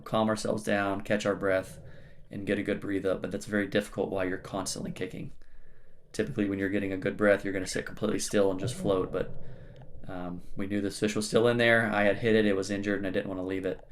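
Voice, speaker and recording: A man's voice: lowish voice, slight background noise. A man, hosting a spearfishing channel, talks through his dive footage in a plain-spoken, matter-of-fact voice-over that explains each moment as it comes.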